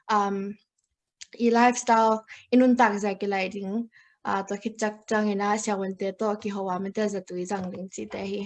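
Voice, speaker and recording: A woman giving an online health talk over a video call, speaking hesitantly with fillers and slipping in English medical terms. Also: medium pitch. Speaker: health presenter.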